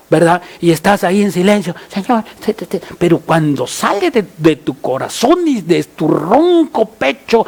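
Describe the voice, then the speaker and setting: A man from Mexico preaching a sermon as pastor, halting often with fillers and restarts, and crying out prayers loudly. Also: fairly high pitch.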